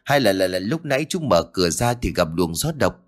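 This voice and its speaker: A man's voice: lowish voice, sing-song, brisk. A man voicing a young village husband in a ghost story, speaking with a trembling stammer. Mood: nervous.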